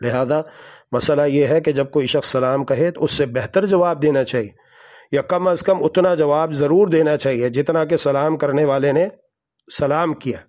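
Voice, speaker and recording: Slow, deliberate Urdu-speaking male preacher. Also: fairly high pitch, steady tone, darkish tone. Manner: slow, deliberate, with measured pauses; recites Arabic hadith and Quran verses. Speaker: Islamic preacher. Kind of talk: religious lesson.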